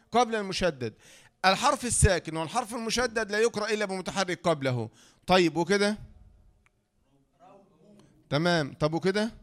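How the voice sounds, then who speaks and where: A man with an Egyptian accent teaching a tajweed lesson, who asks the class questions, answers them himself, and slowly draws out the example sounds. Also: high voice. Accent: Egyptian Arabic. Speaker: Quran recitation teacher.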